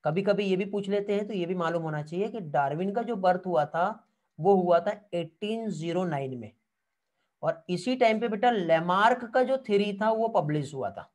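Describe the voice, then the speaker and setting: This male biology teacher's voice sits high and moves at an ordinary speed. Lecturing online for exam prep, he addresses students as "beta," keeps checking "theek hai," and replies to what they write in the comments.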